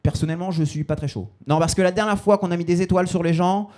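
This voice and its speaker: A man's voice: sits high, fairly even intonation, fast talker, darkish tone, slight background noise. A man in his twenties performing a self-mocking stand-up set on stage, in a casual slangy way. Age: 20s. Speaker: stand-up comedian. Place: stage before a live audience.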